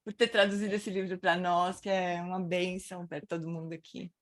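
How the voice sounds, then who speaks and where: A woman's voice: lowish voice, little pitch movement, brisk. A woman hosting an online study group, affectionate and calling people by pet names.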